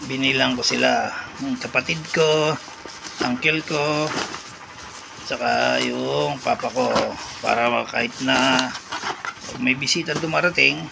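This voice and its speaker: A man's voice: mid-range voice, fairly even intonation, measured pace, long pauses. A man with a Filipino accent giving a casual unboxing and demo chat as a vlogger. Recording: clear background noise.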